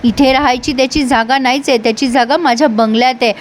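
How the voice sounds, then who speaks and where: A woman's voice: high-pitched, steady tone, fast, slight background noise, close to an everyday voice. A woman reading out the lines of a haughty, scheming rich mother in a scornful, cold way.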